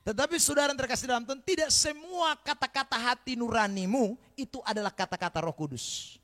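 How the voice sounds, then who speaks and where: A man preaching a sermon as pastor, calling out to the congregation often and swinging from quiet asides to loud emphasis. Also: extremely high pitch, a little fast.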